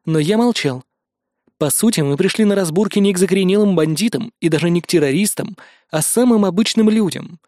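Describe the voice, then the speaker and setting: A man narrating a first-person story in a dramatic, expressive way. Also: high-pitched, fairly quick, no room sound, clean studio sound. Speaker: audiobook narrator.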